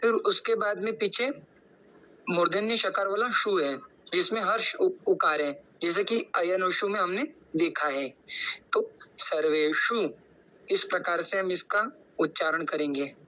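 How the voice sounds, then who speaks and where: A man's voice: high voice, bright, forceful tone, rough recording. A young man on a video call in an online class, carefully teaching Sanskrit pronunciation and drawing out each syllable to repeat it. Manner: slow, drawn-out syllables repeated for practice. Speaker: student explaining Sanskrit pronunciation.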